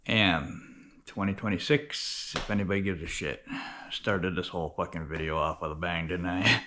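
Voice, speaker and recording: A man's voice: low-pitched, fairly even intonation, moderate pace, bright, forceful tone. A man with a lisp and whistling s from missing top teeth, talking bluntly and profanely in a casual, rambling unedited vlog. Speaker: workout vlogger. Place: indoor home workout space with running fridge.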